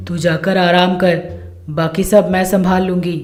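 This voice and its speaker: A woman voicing a scheming, bossy middle-aged mother-in-law who scolds and coaxes loudly in a storybook tale. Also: lowish voice, flat delivery, unhurried, pitched below the performer's own voice, lightly acted. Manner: scolding, coaxing, loud.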